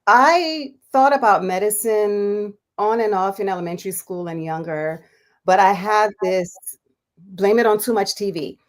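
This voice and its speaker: A woman in her forties from Liberia, a physician telling her life story as a guest in a relaxed interview, chatty and quick to laugh. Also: mid-range voice. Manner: chatty, laughs often, many fillers.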